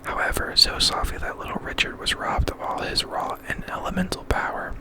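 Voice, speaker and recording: A man reads a novel aloud as ASMR, whispering breathily and intimately very close to the mic, as if right in the listener's ear. His delivery is brisk.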